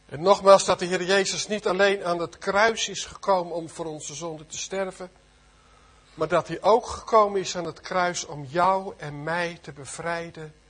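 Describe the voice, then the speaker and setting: Middle-aged man, preacher; high, husky voice; earnest, fervent sermon delivery with rhetorical questions. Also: fairly bright tone.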